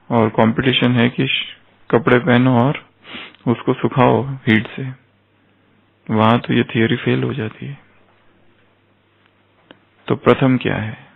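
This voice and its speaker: A man's voice: medium pitch, vocal fry, breathy edge. A man giving an explanatory spiritual lecture, posing rhetorical questions to his listeners and mixing in English terms. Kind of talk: explanatory discourse. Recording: tinny phone-like sound.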